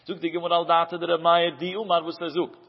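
A man's voice: flat delivery, fast. Man teaching Talmud in a singsong, hall-echo. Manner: chanting singsong study cadence, pitch rising and falling. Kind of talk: Talmud study lecture. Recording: muffled, dull recording with long hall reverb.

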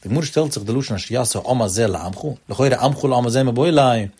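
Husky and a bit breathy, a Torah teacher's medium-pitched, darkish voice moves briskly through his lecture, with his pronunciation standing out. Quoted verses are stretched out slowly, while his explanations of them come quickly.

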